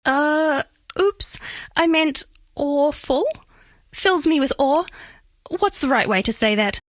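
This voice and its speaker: For a video game, a high-pitched female alien made of living diamond delivers scripted voice lines, bashful yet flirtatious, curious and literal-minded. Her wording is formal, stilted and carefully precise, earnest but coyly playful. The recording is very dry with no room sound, and her tone is fairly bright.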